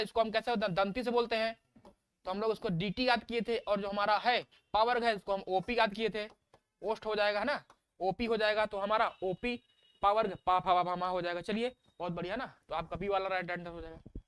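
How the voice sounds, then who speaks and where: A male teacher runs a live exam-prep class, saying each sound aloud and coaxing answers from his students. His voice is smooth and resonant. It sounds dry and close, with no room echo. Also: high-pitched, fairly bright tone.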